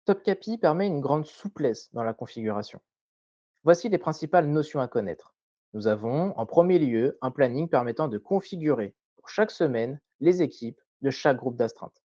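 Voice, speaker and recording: A man presenting a scripted tutorial voice-over in a measured, didactic way, carefully enunciated. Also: medium pitch, expressive, mellow, no echo, lo-fi sound.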